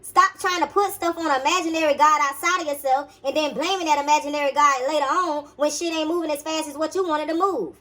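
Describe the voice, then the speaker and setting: Very high-voiced woman preaching bluntly. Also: steady tone, fast talker, hardly any pauses, sharp tone. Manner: emphatic, blunt, swears freely, repeats commands; casual slangy preaching straight to listeners. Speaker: spiritual teacher. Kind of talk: profane motivational sermon.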